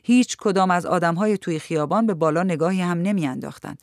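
A woman narrating a literary novel in a calm, measured storytelling voice. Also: lowish voice, no room sound, studio quality. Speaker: audiobook narrator.

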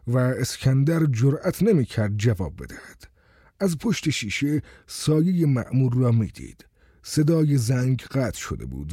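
A man reading a story aloud as narrator in a expressive reading style. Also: medium pitch, slightly rough, dry recording, clean studio sound. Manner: expressive reading, voices the characters. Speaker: audiobook narrator.

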